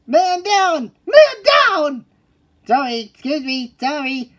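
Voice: mid-range voice, huge pitch swings, unhurried. An actor voicing an eager, naive male sea-sponge driving student in an exclamatory, earnest cartoon style. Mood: frantic. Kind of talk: cartoon voice acting.

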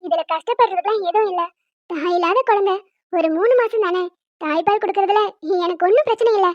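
Sharp-tongued young wife, very high and quick, voiced by a woman, dry sound. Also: dry recording, muffled recording. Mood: gentle. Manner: scolding, quick commands. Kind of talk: Tamil cartoon dubbing.

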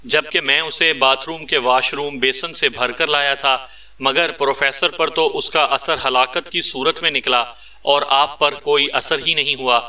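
A man's voice: mid-range voice, steady tone, unhurried, pushed and bright. A man voicing a curious, respectful male agent in a read-aloud story, asking polite, puzzled questions. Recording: distant mic.

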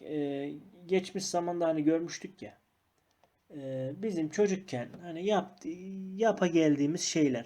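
A man teaching an English grammar lesson. He explains patiently, point by point, and reads the example sentences out slowly. His voice sits fairly high, with a soft, mellow tone. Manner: explains step by step, often says "arkadaşlar". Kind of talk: recorded classroom lesson.

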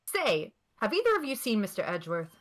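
A woman's voice: medium pitch, huge pitch swings, brisk. A woman streamer voicing a clumsy, loyal male police detective in a hammy read-along of a game. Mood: earnest. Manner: hammy, laughs between lines.

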